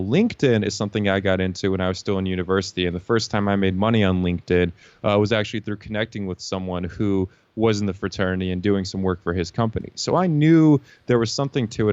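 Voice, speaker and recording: A young man from Lithuania tells his story as an interview guest, confident and fluent, peppering his talk with "you know." His voice sits a little low. The recording is dry and somewhat dull, like a lo-fi line. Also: darkish tone, no room sound. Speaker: guest, LinkedIn marketing consultant.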